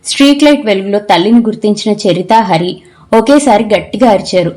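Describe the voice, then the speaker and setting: A woman narrating a novel in an audiobook, telling the story in a measured, expressive way. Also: medium pitch. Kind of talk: scripted narration.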